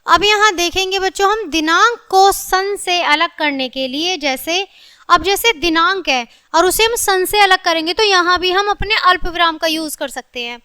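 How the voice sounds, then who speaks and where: A woman teaching a recorded grammar lesson to children, often checking whether they follow and slowing down to stress her examples. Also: very high voice, sharp tone. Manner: addresses children often, checks understanding with repeated questions; slows down and stresses example sentences.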